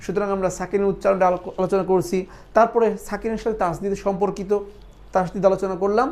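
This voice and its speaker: Speaking quickly in a steady, slightly mellow mid-range voice, a Quran recitation teacher gives an online lesson. Each step is explained patiently, with questions asked and then answered and points repeated for practice.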